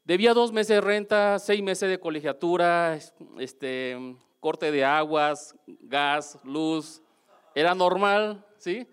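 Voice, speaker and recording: High-voiced Mexican man, motivational talk. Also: takes it slowly, clean tone. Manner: keeps asking the audience questions, animated. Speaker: speaker at a business seminar. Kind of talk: motivational testimonial talk to an audience.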